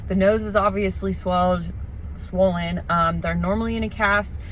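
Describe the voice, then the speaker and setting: A woman's voice: mid-range voice, fairly even intonation, normal speed, a bit bright, slight background noise, poor audio. A woman chatting casually as a vlogger, explaining things in an informal, rambling way. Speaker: vlogger preparing for nose surgery. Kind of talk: casual vlog chat.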